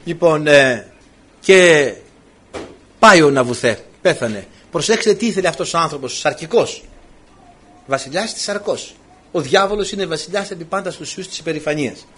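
A man's voice: fairly high pitch, animated, a bit bright, breathy edge. A man preaching a sermon, retelling old stories with animation and acting out the lines of the people in them.

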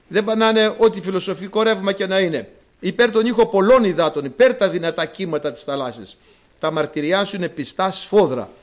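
A man's voice: high-pitched, a bit bright. An older man preaching a sermon, emphatic and repetitive, often calling his listeners brothers.

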